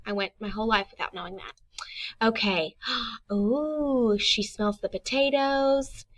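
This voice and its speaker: A young woman teaching a reading lesson to young children, upbeat and animated, reading book lines slowly. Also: medium pitch.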